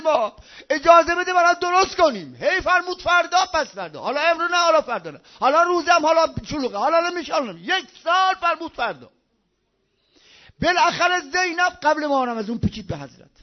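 An impassioned male preacher delivers a storytelling sermon over a loudspeaker, swinging between fervent outbursts and quiet, hushed stretches. His voice sits very high for a man. The recording is dull and lo-fi. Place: speaking over a loudspeaker in Qom.

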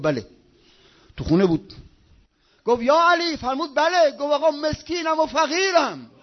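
A man preaching a religious sermon over a loudspeaker, telling a story with passionate outbursts and hushed low passages. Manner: impassioned, swinging between loud outbursts and hushed low tones. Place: speaking over a loudspeaker in Qom. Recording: dull lo-fi recording.

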